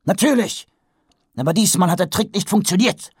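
A man voicing a brusque, clipped male city ruler, in a raised, high voice. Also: moderate pace, slightly rough, no echo, studio quality. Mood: indignant. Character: Lord Vetinari, brusque middle-aged male city ruler.

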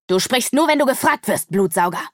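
A woman's voice: on the low side, expressive, moderate pace, no echo, natural voice. An imperious male demon sorcerer, as a woman reader puts him on for an audiobook. He barks his orders harshly and raises his voice sharply. The recording is dry and close. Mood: furious. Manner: commanding, snapping, harsh. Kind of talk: audiobook character voice.

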